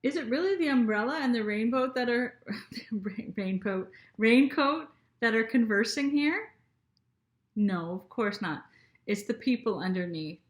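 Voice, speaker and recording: A woman teacher giving a gentle lesson to children, asking them questions and reading aloud. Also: a little high, expressive, measured pace, reverberant.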